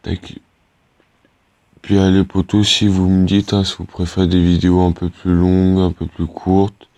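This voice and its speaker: A teenage gaming YouTuber chats casually to his viewers while playing, rambling and hesitant, full of fillers and restarts. His voice is low, dark and monotone at a moderate pace, with no echo.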